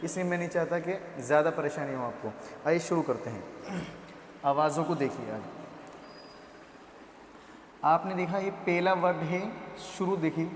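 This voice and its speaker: Slow-chanting Quran-primer teacher man in echoey room. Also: a little high, slight background noise. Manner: slow drawn-out chanting of syllables between quick explanations; asks and answers his own questions.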